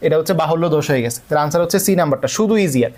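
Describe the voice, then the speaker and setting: A man's voice: on the high side, animated, very fast, a little mellow. Bangladeshi man teaching an online class. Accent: Bangladeshi Bengali.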